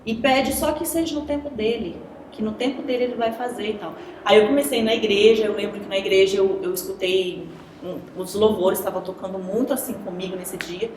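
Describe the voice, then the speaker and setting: A woman's voice: mid-range voice, steady tone, a little fast, few pauses, a little mellow, slight background noise. Earnest young woman in an echoey room. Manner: earnest, heavy use of "assim" and "sabe". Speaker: interview guest. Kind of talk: emotional personal testimony.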